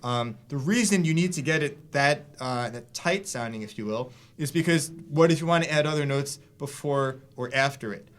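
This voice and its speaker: A man's voice: medium pitch, normal speed, few pauses, slight background noise. A man giving a casual drum lesson, explaining loosely with fillers and restarts. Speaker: drum teacher. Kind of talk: casual instructional talk. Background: drum hits between lines.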